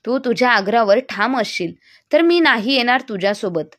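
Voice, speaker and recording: A woman voicing a proud, quick-tempered young husband who talks bluntly. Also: fairly high pitch, animated, no echo, clean studio sound, natural voice. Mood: irritated. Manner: blunt and irritated.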